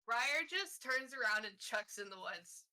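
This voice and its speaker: A woman's voice: a little high, expressive, measured pace, sharp tone. A woman playing her character in a tabletop game, giggly and sheepish. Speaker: player.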